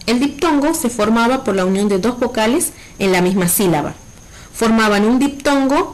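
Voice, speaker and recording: A woman's voice: medium pitch, rough recording. A woman primary school teacher giving a recorded virtual lesson, explaining patiently and checking in with her pupils.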